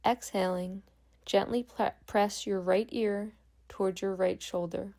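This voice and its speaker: Long pauses mark this guided meditation, led by a yoga nidra instructor whose medium-pitched voice stays calm and gentle throughout.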